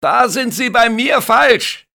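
Loud cocky young lifeguard, way higher voice, teasing. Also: male voice, very animated, normal speed, heavily acted. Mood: shouting. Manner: loud, mocking, shouting over noise.

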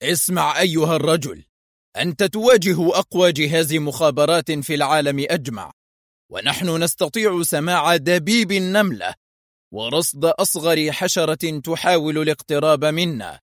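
A man's voice: a little high, normal speed, dry recording, studio quality, pitched above the performer's own voice, close to an everyday voice. A man playing a hot-tempered brutish agent. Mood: angry. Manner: harsh, angry. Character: brutish male intelligence officer, hot-tempered.

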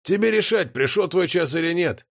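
A man's voice: fairly high pitch, expressive, normal speed, vocal fry, dry recording, clean studio sound, pitched above the performer's own voice. A man voicing a cheeky, potbellied male chaos creature who mocks and lectures in a folksy way. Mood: lecturing.

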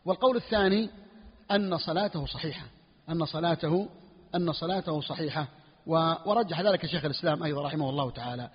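A man teaching a jurisprudence lesson, repeating key phrases slowly for emphasis and asking questions that he answers himself. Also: on the high side, slightly rough. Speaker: sheikh teaching Hanbali jurisprudence. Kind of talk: classical Arabic fiqh lesson. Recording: lo-fi lecture recording in a reverberant hall.

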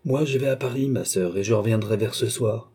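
A man's voice: on the low side, fairly quick, warm tone, slightly rough. A man reading as a stern, grave young nobleman. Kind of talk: audiobook reading.

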